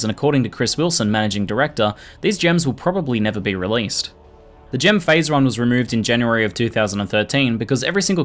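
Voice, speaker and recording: A man reading scripted video narration in a measured, informative manner. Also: medium pitch, a bit bright. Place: voice-over recording. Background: music.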